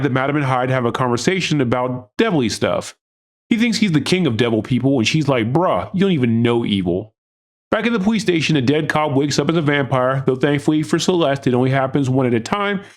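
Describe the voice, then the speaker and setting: A man hosting a film recap, narrating scripted comedic review with sarcastic, mocking asides. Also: medium pitch. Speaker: host of a film recap show.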